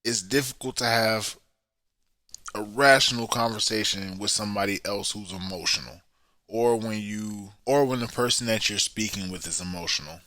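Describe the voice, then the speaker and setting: Low, forceful man giving relationship advice. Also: moderate pace, dry recording. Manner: coaching, checks in with the listener. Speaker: podcast host.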